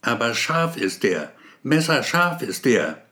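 Man doing a twitchy defensive patient guy, keeps correcting people, lively pitch. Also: slow pace, exaggerated voice. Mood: insistent. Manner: insistent, pedantic corrections. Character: odd, touchy male patient, nervous and defensive.

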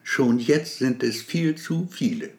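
A man's voice: medium pitch, animated, slow pace, a little mellow. Cheery greedy alien lady done by a man, bossy and childlike, voice swoops up and down, audiobook. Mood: demanding. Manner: blunt, childlike demands. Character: cheerful greedy female alien star-woman.

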